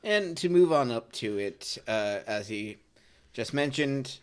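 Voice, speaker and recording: A man's voice: medium pitch, expressive, slow pace, clear, resonant tone. A man co-hosting a podcast, chatting casually about movies in a rambling, self-deprecating way. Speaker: podcast co-host.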